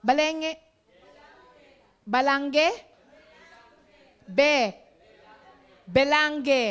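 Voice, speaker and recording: Filipino lady preaching, slow easy pace, chatty, laughs a lot, switches to english bits. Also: sits high, a bit bright. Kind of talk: casual devotional talk.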